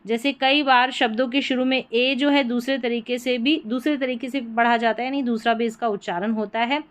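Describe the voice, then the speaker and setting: A woman teaching English pronunciation rules, slowly drilling word after word. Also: a little high, steady tone. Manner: slow, patient word-by-word drilling. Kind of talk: explanatory lesson.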